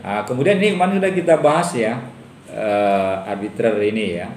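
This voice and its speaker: A man's voice: fairly low pitch, normal speed, darkish tone. A middle-aged man giving a casual university lecture, joking often and asking rhetorical questions. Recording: roomy hall with faint background noise.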